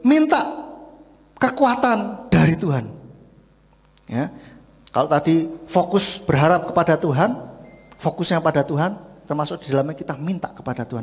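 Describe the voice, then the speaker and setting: A male pastor giving a sermon in a church, swinging between loud preaching and hushed asides. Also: a little high. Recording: long church-hall reverb.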